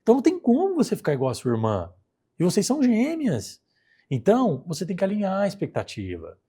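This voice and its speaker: A Brazilian man with a husky, somewhat high voice tells stories in a casual interview. His pitch swings widely as he chats, and his tone stays darker and mellower than its height suggests. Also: quick pace. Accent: Brazilian Portuguese. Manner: animated, chatty anecdote-teller. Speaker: plastic surgeon guest.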